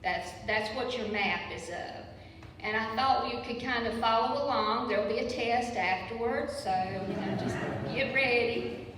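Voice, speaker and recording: A woman's voice: fairly high pitch, a little slow, fairly bright tone. Older Southern woman lecturing in echoey hall. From Patrick County, Virginia, United States. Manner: folksy, conversational. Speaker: guest lecturer and local history teacher. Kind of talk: informal public lecture. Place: large echoey room at a public lecture. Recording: very echoey hall, distant mic, faint noise.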